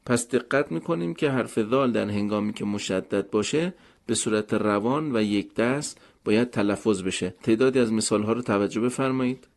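Guy with a lowish voice giving a formal recitation lesson, polite and careful, explains things slowly step by step. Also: gravelly. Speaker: Quran recitation teacher. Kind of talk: formal instructional talk.

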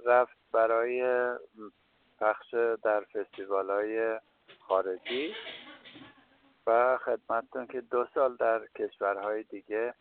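A man's voice: fairly low pitch, fairly even intonation, smooth, phone-quality sound. A man answering questions as a filmmaker in a radio interview, hesitant and full of filler sounds. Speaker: filmmaker guest.

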